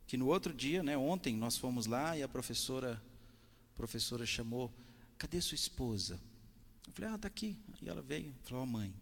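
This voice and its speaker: A man from Brazil preaching a sermon, telling personal stories and acting out the dialogue in them. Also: medium pitch. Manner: lively storytelling, acts out dialogue. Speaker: pastor. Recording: church hall reverb.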